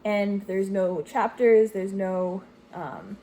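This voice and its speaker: A young Greek woman who runs a book vlog chats casually about books she's read, rambling with fillers and correcting herself as she goes. Her medium-pitched voice is steady and dark, and she speaks slowly. A washing machine runs in her home, and there's a little hiss or hum.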